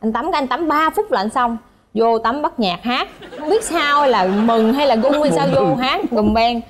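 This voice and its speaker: A young woman, a guest telling a story in lively casual chat and laughing often. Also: a little high, moderate pace, a loud crowd.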